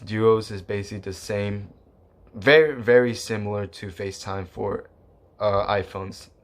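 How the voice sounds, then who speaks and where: Young male vlogger, lower-pitched, loose rambling storyteller with lots of fillers. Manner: rambling, many fillers and restarts, casual swearing. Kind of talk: casual storytelling to camera.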